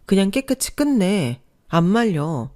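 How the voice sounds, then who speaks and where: A woman voicing an exasperated young mother who scolds her husband in a sharp, reproachful way. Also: medium pitch, big pitch swings, measured pace. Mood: indignant.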